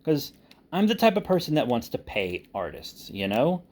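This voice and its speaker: An online video creator and writer chats informally to viewers in a loose, rambling update, frequently correcting himself mid-thought. His voice is a little high and sing-song with a darkish tone, and he talks at a normal speed.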